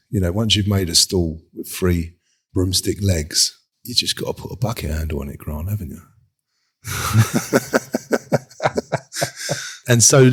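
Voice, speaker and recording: A man's voice: deep voice, creaky, breathy edge. A man, a designer, chatting in an interview in a rambling, self-mocking way and laughing often. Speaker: furniture designer, guest. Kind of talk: casual interview chat.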